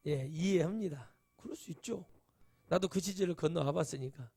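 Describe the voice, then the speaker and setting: A man's voice: fairly high pitch, normal speed, vocal fry, dark tone, slightly rough. A middle-aged male pastor giving a sermon, telling chatty stories and rising to emphatic exclamations. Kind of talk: sermon with anecdotes.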